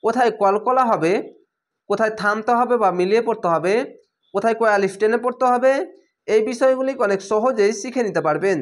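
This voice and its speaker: Slow-spelling Bengali Quran teacher, man. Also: high voice. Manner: slow, syllable by syllable, drawn-out vowels. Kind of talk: slow spelled-out recitation lesson.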